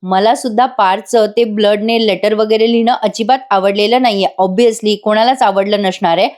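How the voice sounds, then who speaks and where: A woman's voice: a little high, darkish tone. A woman giving a voice-over TV serial episode recap in a chatty, dramatic manner, speaking straight to her viewers. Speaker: TV serial reviewer.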